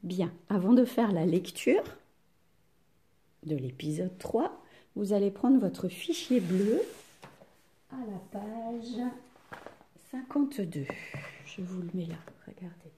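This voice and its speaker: A woman teaching a spelling lesson to young children, patient and deliberate, sounding out each syllable. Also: mid-range voice, animated, dark tone, slight background noise. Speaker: primary school teacher.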